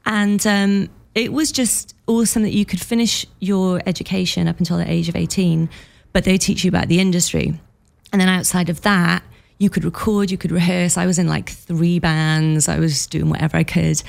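A woman's voice: fairly low pitch, fairly even intonation, normal speed, creaky, darkish tone. A woman from Wales, a music producer, chatting candidly as a studio guest on a radio show and laughing often. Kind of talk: casual radio interview.

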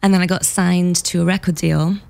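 A woman's voice: lowish voice, flat delivery, fairly quick, gravelly, darkish tone, smooth. A woman from Wales, a music producer, chatting candidly as a studio guest on a radio show and laughing often. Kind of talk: casual radio interview.

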